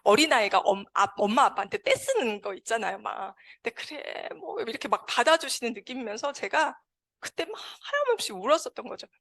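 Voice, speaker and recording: A woman speaks to an audience and shares a heartfelt personal testimony. Her fairly high voice swings widely in pitch as she tells the story with feeling. She acts out the quoted dialogue vividly. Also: sing-song, quick pace, fairly bright tone. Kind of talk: emotional personal testimony speech.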